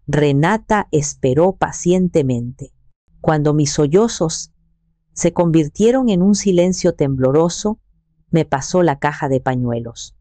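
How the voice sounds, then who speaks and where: A woman telling a dramatic story in the first person as a calm, scripted narration. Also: low voice, measured pace, no room sound.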